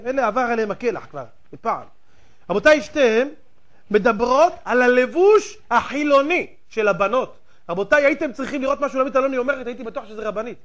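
A man, a rabbi giving a fiery moralizing sermon full of emphatic rhetorical questions, swinging between loud outbursts and hushed asides. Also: high-pitched.

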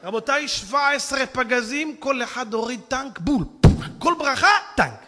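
A man preaching a storytelling sermon, swinging between hushed tones and loud shouting. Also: extremely high pitch, lively intonation, a little hiss or hum. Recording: long hall reverb.

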